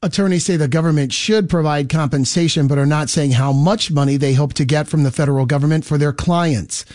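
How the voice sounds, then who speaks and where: A male news anchor reading a scripted radio newscast in a measured, even delivery. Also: fairly high pitch, dry recording, clean studio sound.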